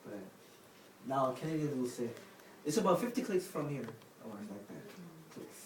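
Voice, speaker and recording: A man explains words in a casual, halting way, restarting his sentences. His voice sits a bit high. He sounds distant in an echoey room, with faint noise underneath. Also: expressive. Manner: halting, restarts, non-native phrasing. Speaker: vlog host explaining words.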